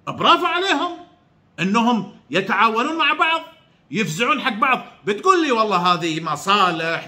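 A man preaches straight to his online viewers, asking rhetorical questions and repeating his points. His voice sits very high and sounds sharp and bright. His pitch swings widely as he presses each point. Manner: rhetorical, repetitive, addresses viewers directly. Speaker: online religious commentator. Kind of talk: preachy direct-to-camera talk.

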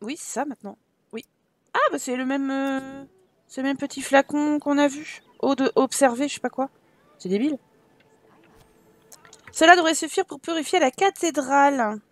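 A woman's voice: high-pitched, fairly even intonation, normal speed, darkish tone, no echo. A woman hosting a casual let's play, chatting, reading game text aloud and joking to herself.

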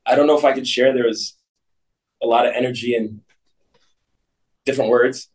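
Distant coach on a video call. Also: male voice, medium pitch, steady tone, moderate pace, darkish tone, a little hiss or hum. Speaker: soccer coach. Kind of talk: post-match press answers.

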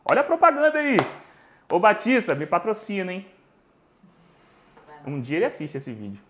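A man's voice: sits high, moderate pace, slight background noise. A man in his forties with a Brazilian Portuguese accent, hosting a live cooking stream from his home kitchen and chatting with viewers. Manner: animated storytelling, chatty and joking with viewers. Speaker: cooking show host. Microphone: lapel mic.

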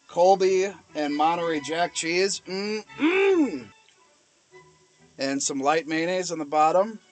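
A man in his thirties hosts a rowdy, goofy cooking livestream from a small indoor camper kitchen, exuberant and prone to whooping. His voice sits high, and the recording quality is low.

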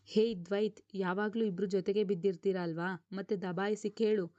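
A woman's voice: medium pitch, steady tone, normal speed, mellow, no echo, muffled recording, close to an everyday voice. A woman voicing a spirited, hot-tempered young daughter, questioning and pleading.

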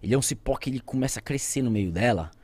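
A man with a Brazilian Portuguese accent, a podcast guest telling an emotional story with conviction, shifting from loud outbursts to near-whispers. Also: medium pitch, lively intonation, very fast, husky, dry recording. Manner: speaks with conviction, addresses viewers directly.

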